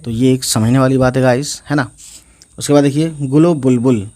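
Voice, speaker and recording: A man teaching Urdu reading online, slowly spelling each word letter by letter and repeating it, with frequent check-ins to his viewers. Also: medium pitch, fairly even intonation, warm tone. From India.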